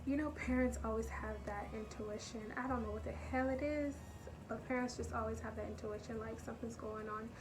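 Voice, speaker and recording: A woman's voice: a little high, fairly even intonation, a little fast, hardly any pauses, noisy background. A woman in her twenties telling a personal story time for her channel, chatty and candid with rambling asides. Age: 20s. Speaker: vlogger.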